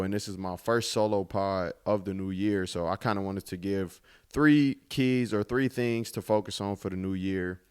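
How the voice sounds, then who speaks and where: A man's voice: lowish voice, clean tone. A man in his twenties hosting his own podcast, talking in a laid-back, reflective way with casual swearing. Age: 20s. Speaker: podcast host. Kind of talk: casual solo podcast monologue.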